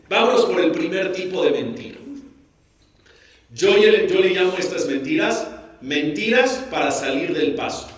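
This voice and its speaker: A male rabbi teaching a Torah class and quizzing his audience with lively questions. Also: high-pitched. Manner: asks the audience questions, animated. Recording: echoey room, mic far off.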